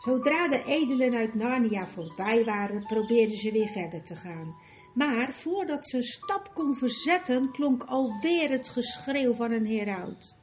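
Woman, storybook narration, expressive, fairly high pitch. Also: a little slow, soft background music. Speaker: audiobook narrator.

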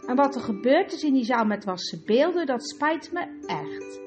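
A woman's voice: high-pitched, very animated, normal speed. Woman doing an anxious young boy. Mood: pleading. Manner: pleading, urgent. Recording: dull lo-fi with guitar music.

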